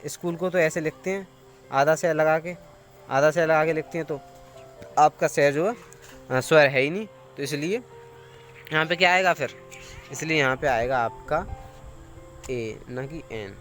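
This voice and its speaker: A man teaching English grammar, asking students questions and then answering them in a clear, explanatory way. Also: on the high side, unhurried, long pauses, a bit bright, soft background music. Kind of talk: classroom-style explanation to students.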